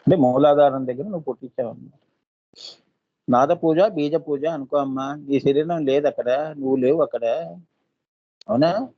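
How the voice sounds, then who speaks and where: A man as a spiritual teacher giving a devotional discourse. He often asks his listeners "right?" and chants seed syllables slowly. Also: medium pitch, dry recording, lo-fi sound.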